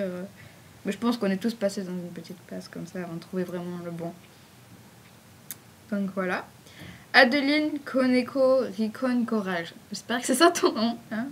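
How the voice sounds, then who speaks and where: A woman with a southern French accent answering fan questions in a casual, rambling vlog, full of fillers. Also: mid-range voice. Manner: chatty, rambling, frequent fillers.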